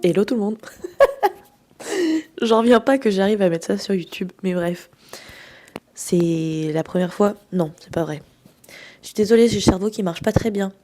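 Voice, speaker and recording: A woman's voice: medium pitch, lively intonation, unhurried, long pauses, mellow, faint music behind. A tired young woman from France chatting casually to camera in her student vlog, self-mocking and laughing often. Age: young adult. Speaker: student vlogger.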